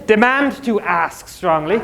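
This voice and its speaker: A male English teacher in a school classroom, explaining words to students with quick, jokey everyday examples. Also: high-pitched, lively intonation, creaky, a crowd in the background.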